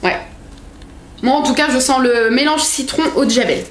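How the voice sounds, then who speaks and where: A young woman chatting as a book vlogger, excitable and full of fillers. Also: sits high, normal speed, noisy background. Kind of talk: casual unboxing chat. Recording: echoey room.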